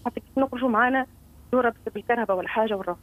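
A woman in her forties with a Tunisian Arabic accent, calling in and talking quickly with many hesitant restarts. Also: on the high side. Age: 40s. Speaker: caller. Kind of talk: phone-in call. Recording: tinny phone line.

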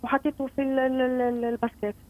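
A woman in her forties speaks in a Tunisian Arabic accent over a tinny phone line. She talks very fast and a little high, breaking off and restarting her sentences as she goes. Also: flat delivery. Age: 40s. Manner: rapid, hesitant, many restarts. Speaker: caller. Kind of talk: phone-in call.

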